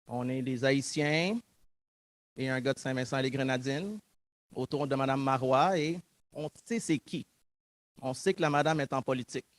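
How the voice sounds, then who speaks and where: A man's voice: medium pitch, moderate pace, pauses often, no room sound. A man in his thirties from Montreal with a Québécois accent, giving a public talk and reflecting earnestly on his own story. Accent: Québécois French. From Montreal, Quebec. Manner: earnest, reflective, acts out remembered dialogue. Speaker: guest speaker.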